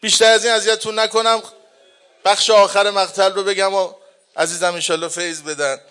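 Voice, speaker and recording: A man preaching a mourning sermon, chanting the lament slowly and drawn-out, swinging between hushed and loud. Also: high-pitched, level tone, clean tone. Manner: slow, drawn-out delivery.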